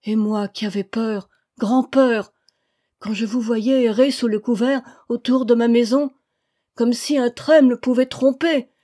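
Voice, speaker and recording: A woman's voice: mid-range voice, warm tone, lightly acted. A woman reading aloud, voicing an old male charcoal burner who speaks with fervent, pleading emphasis.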